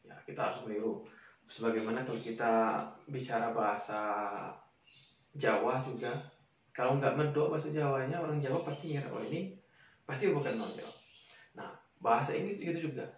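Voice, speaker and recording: A man's voice: mid-range voice, fairly even intonation, brisk, long pauses, recorded from a distance, highs cut off, a little hiss or hum. A man giving a casual spoken lesson, explaining step by step and sounding out example words again and again. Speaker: English teacher. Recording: echoey room, voice set back from the mic.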